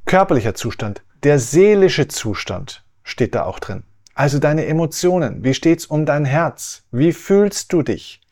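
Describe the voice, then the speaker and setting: A man's voice: fairly high pitch, expressive, measured pace, a little mellow. Man explaining health, rhetorical questions. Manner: didactic, repeats and rephrases, asks rhetorical questions with "ja?". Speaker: podcast host. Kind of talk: explanatory health podcast monologue.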